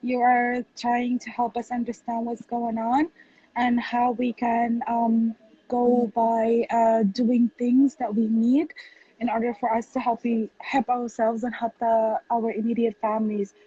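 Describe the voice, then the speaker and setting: A woman's voice: fairly high pitch, completely flat delivery, unhurried, dark tone, breathy edge, dry recording. A woman from Somalia calling into a livestream, speaking earnestly with hesitant fillers. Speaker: caller on a livestream. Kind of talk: casual chat. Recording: muffled lo-fi call audio.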